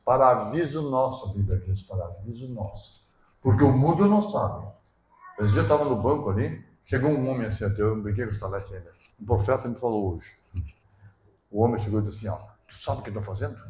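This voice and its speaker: A male pastor with a Gaúcho accent from southern Brazil, preaching with emphasis, swinging between loud bursts and low asides and often checking that the listeners follow. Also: dull audio, slight background noise. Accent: Gaúcho Brazilian Portuguese. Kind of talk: sermon. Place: church hall. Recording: roomy church hall echo.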